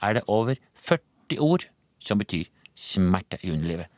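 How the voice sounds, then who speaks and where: An actor playing an overconfident male interpreter and advice-column host, speaking deadpan and self-assured. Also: low voice, dry recording, studio quality. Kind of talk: deadpan sketch comedy.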